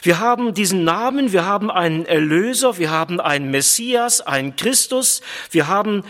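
A man preaching a sermon with emphatic repetition, slowing down on key words. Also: high-pitched, expressive, a bit bright. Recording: long reverb of a large hall.

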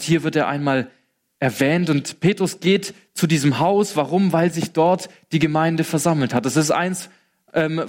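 A male preacher delivers a sermon in a lively storytelling manner, slipping into colloquial speech. His voice sits slightly higher than average for a man.

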